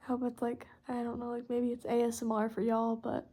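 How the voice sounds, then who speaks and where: A woman's voice: fairly high pitch, completely flat delivery, fairly quick, warm tone, husky. A teenage girl from Texas chatting informally and rambling as a podcast host, in a youthful casual way while coloring. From Texas, United States. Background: pencil and marker scratching on paper.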